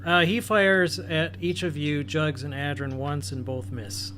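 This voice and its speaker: A man with a somewhat high voice runs a tabletop session, narrating scenes and sorting out rules as he goes. A faint hiss of ambience sits under his voice. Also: steady tone, unhurried. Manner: describes scenes and rules, thinking aloud. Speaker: game master. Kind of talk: running a tabletop game online.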